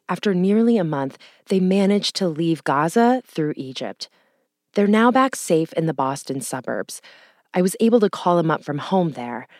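A woman hosting a news podcast, narrating a script and interviewing a guest in a measured, even way. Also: sits low, dry recording, clean studio sound. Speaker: podcast host.

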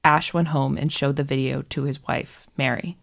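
A woman narrating a true story in a measured, scripted delivery. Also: a bass voice, fairly even intonation, creaky.

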